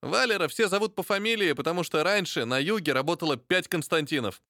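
A man's voice: a little high, quick pace, pushed and bright, dry recording, clean studio sound. An actor playing a talkative young male hunter in an audiobook, joking and full of gossip. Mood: chatty.

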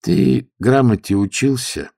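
A man voicing a sly, eccentric stoker monk who plays innocent, with wry feigned surprise and squeaky rising outbursts. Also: takes it slowly, gravelly, mellow, no echo, clean studio sound.

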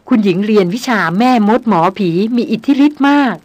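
A woman's voice: fairly high pitch, expressive, brisk, darkish tone, no room sound. A woman reading the lines of a grown male hunter, who talks politely and evenly. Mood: calm teasing. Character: grown male jungle hunter, calm and teasing.

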